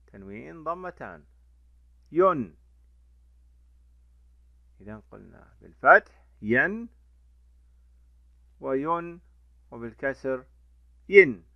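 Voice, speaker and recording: Man, children's teacher, lively pitch, slow repeated sounds, dry dull lo-fi recording. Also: no room sound. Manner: lively, repeats sounds slowly for young learners. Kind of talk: children's Arabic letter lesson.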